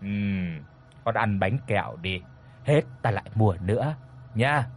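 A sinister older schemer speaks low and calculating in a ghost story, as a male narrator voices him. The husky voice sits lower than the narration. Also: lively intonation, a little slow. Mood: scheming.

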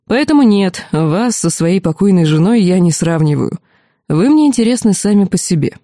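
A courtly duke speaks in a calm, wry, faintly condescending tone, as a woman reads him in an audiobook, with a mellow, dark timbre. The sound is close and dry. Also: on the low side, normal speed, dry recording, lightly acted. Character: suave, candid noble duke, adult man. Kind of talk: audiobook character reading.

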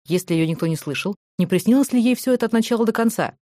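A woman narrating a novel as an audiobook in a brisk, even storytelling manner. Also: mid-range voice, no echo, studio quality. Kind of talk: scripted narration.

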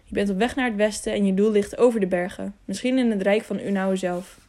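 A woman's voice: medium pitch, steady tone, brisk, dark tone, close to an everyday voice. A woman reading the part of a serious older male knight who speaks earnestly and measuredly in an audiobook. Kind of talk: audiobook character voice.

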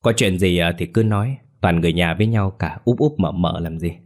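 A man's voice: low-pitched, a little fast, darkish tone. A man voicing a blunt elderly male family elder with a scolding way of talking. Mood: gruff.

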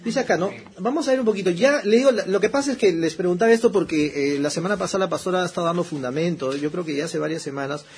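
A man's voice: high-pitched, a little mellow. A man preaching a conversational sermon as a pastor, often tossing in rhetorical questions. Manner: chatty, repeats phrases, frequent rhetorical "¿no?" asides; fervent prayer voice, slow and emphatic.

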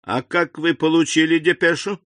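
A man voicing an indignant aging French king, imperious and frightened, in a commanding voice with sharp outbursts. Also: on the high side, fairly even intonation, normal speed, no room sound, pitched above the performer's own voice, natural voice. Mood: cold, commanding.

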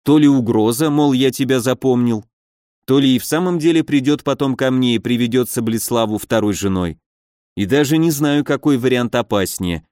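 A man's voice: mid-range voice, moderate pace, darkish tone, no room sound, clean studio sound. A man narrating a first-person audiobook in a wry, ironic manner.

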